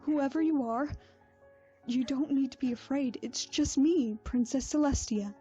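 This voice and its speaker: Woman voicing a calm motherly pony princess, mellow tone, bit lo-fi. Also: high voice, a little slow, faint music behind. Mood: gentle. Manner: calm, patient and kind.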